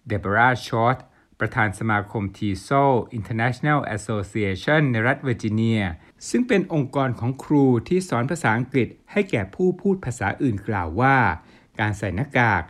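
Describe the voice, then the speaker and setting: A man reporting the news, reading a formal script in a polite, measured way as a studio voice-over. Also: mid-range voice, expressive, a bit bright. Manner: polite formal delivery with Thai polite particles.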